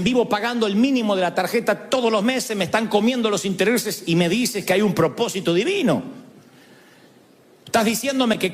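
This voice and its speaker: Give me a man preaching a sermon in a high, swooping voice, animated and joking. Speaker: pastor. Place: church service before a congregation. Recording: long reverb in a large hall.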